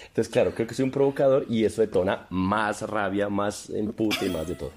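A man's voice: fairly low pitch, brisk, a little mellow, slight background noise. A man, a podcast guest chatting casually in a joking, rambling, provocative way. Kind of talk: casual chat.

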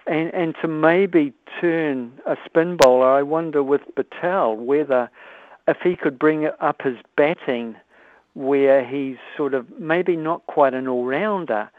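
A man's voice: a little high, slow, no echo. A man with a New Zealand accent calling in to a talkback radio show over the phone, speaking hesitantly with many fillers. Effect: heard over the phone. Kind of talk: casual phone-in chat. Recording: dry tinny phone line.

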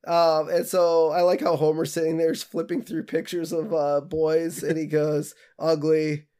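A man's voice: a little high, little pitch movement, normal speed, dark tone, clean tone. A man co-hosting a podcast, recapping an episode in casual chat, acting out quoted lines and laughing often. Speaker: podcast co-host.

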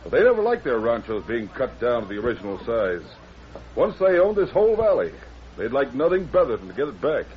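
Man playing angry rancher, blustering, accusing, lively pitch, old radio western drama, dull lo-fi sound. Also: fairly quick, close to an everyday voice. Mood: resentful, suspicious. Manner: blustering, emphatic, indignant. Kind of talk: 1940s radio western acting. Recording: dull vintage radio recording.

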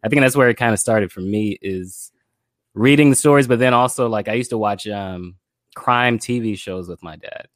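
A man from Florida, a guest in a relaxed interview, talking about his life in a reflective way with frequent fillers. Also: lowish voice, normal speed, no echo, clean studio sound. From Florida, USA. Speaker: podcast guest, filmmaker and brand strategist. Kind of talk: casual interview conversation.

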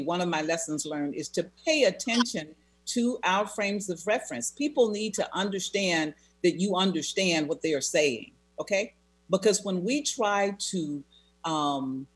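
A therapist being interviewed, speaking in a measured, reflective way and repeating phrases for emphasis. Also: medium pitch, breathy edge. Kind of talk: conversational interview.

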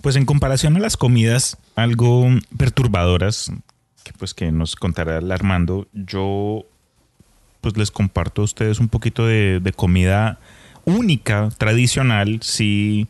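Man, low voice, dry recording, casual joking podcast chat. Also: unhurried, darkish tone, no room sound. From Colombia. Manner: joking, storytelling with light asides. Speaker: podcast co-host.

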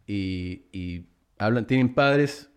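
A man who speaks natively, hosting a casual podcast chat in Spanish, halting and searching for words with many restarts. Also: fairly low pitch, clear, resonant tone. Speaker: podcast host.

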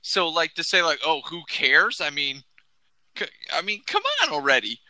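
A man co-hosting a sports talk show, skeptical and halting, often repeating his words. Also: fairly high pitch, lively intonation, sharp tone, no echo, low-quality recording. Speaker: sports podcast co-host.

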